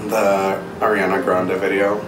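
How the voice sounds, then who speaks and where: A man's voice: low voice, monotone, unhurried. Young man, chewing while talking, casual mukbang chat, roomy echo, music behind. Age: young adult. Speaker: vlogger, mukbang host. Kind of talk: casual chat over a meal. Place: living room, indoors.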